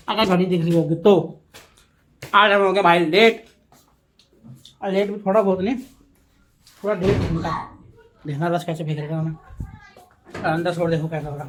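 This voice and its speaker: A man's voice: high-pitched, fairly even intonation, normal speed, pauses often, noisy background. A young man chatting casually to his viewers at home as a family vlogger, slipping English words into his talk. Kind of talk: casual family vlog chat.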